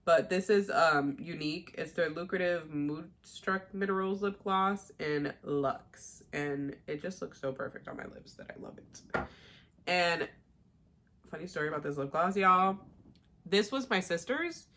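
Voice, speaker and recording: Young woman vlogger, bright and chatty, slightly low voice, rambling makeup chat. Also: a little slow. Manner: chatty, rambling, with fillers and laughs. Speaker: beauty vlogger. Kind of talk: casual makeup tutorial chat.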